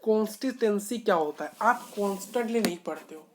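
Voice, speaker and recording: A man's voice: sits high, fairly quick. Earnest male online tutor giving study advice. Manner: earnest and repetitive, often saying "bhai sahab". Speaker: online tutor for school students. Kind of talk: motivational study-advice talk to camera.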